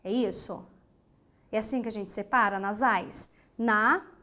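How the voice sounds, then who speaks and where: Unhurried and pushed and bright, a mid-range female voice belongs to a Brazilian teacher giving an online grammar lesson. She explains step by step, asks rhetorical questions, checks comprehension with short tags, and says the speech sounds aloud as examples.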